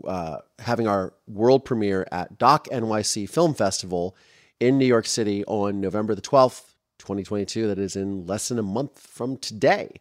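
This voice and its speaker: Man in his thirties, podcast host, lowish voice, casual rambling chat, lots of fillers, emotional, faint music underneath. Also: no echo, studio quality. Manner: chatty, rambling, with many fillers and restarts; openly emotional, voice softening when moved.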